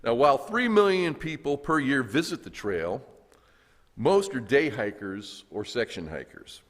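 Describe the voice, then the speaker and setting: A man's voice: mid-range voice, a little slow. A man with a Southern American accent preaching as a guest pastor, folksy and joking with the congregation. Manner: folksy, animated, jokes with the congregation. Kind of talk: sermon with humor and audience call-and-response. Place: church sanctuary. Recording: echoey church hall.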